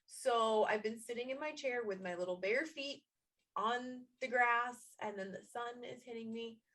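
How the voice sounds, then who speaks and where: A woman hosting a casual chat with friends, telling animated stories about her family and acting out her child's voice. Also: on the high side, normal speed. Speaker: podcast host. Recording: quiet, distant mic.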